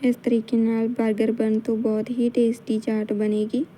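A woman with a Punjabi accent, calmly explaining a cooking recipe step by step as a channel host. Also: a little high, normal speed, a little hiss or hum, poor audio. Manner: calm step-by-step instruction. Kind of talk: cooking tutorial narration.

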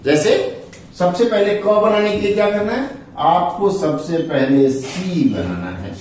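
A man's voice: high-pitched, expressive, unhurried, a little mellow, a little hiss or hum. A man teaching Hindi letters step by step, patiently repeating himself and asking his learners questions as he draws each letter. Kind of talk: step-by-step script lesson at a board. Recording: echoey room, mic far off.

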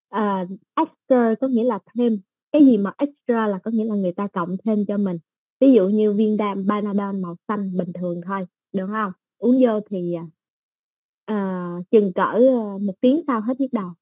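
Woman going over english exam answers, mellow voice, lots of fillers. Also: mid-range voice, no echo, low-quality recording. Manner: explains slowly with everyday examples, many fillers. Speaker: English teacher. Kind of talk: exam-prep lesson.

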